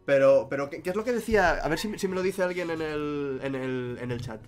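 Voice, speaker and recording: A man's voice: on the high side, fairly quick, soft background music. A man from Catalonia with a Catalan accent, chatting casually on a live stream and laughing often. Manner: laughs often, breaks into mock-angry quotes.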